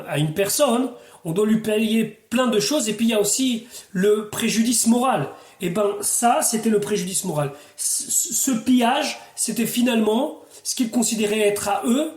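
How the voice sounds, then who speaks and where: A man's voice: high voice, darkish tone, roomy sound. A man, a rabbi, teaching the weekly Torah portion verse by verse, reading Hebrew phrases and then translating and explaining them.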